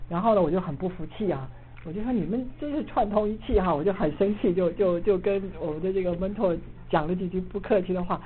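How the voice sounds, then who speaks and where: A middle-aged assistant pastor preaches and recounts a personal story with lively energy, sprinkling filler particles throughout. Her voice is fairly low and quick, and the audio sounds muffled and phone-like with faint noise.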